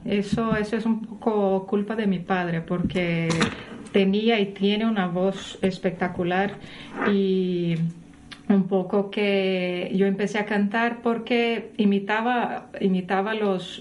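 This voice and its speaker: Slow-speaking woman guest. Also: mid-range voice, steady tone, slight background noise. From Brazil. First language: Portuguese. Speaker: guest opera soprano. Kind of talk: casual interview.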